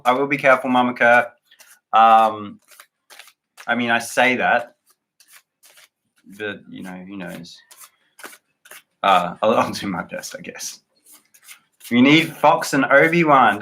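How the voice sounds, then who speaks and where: Australian male livestream host, bright tone, easygoing and rambling, chats with viewers and reads their comments. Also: mid-range voice. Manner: loose and rambling, with many fillers and restarts. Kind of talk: live-stream chat reading viewer comments.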